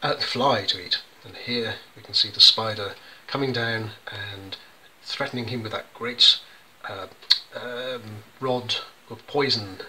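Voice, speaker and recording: A man's voice: on the low side, steady tone, slow pace, hardly any pauses, pushed and bright, slight background noise, low-quality recording. An English man, a children's poet, chatting through how he illustrates his poems, with many ums and restarts. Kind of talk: casual explanatory demonstration.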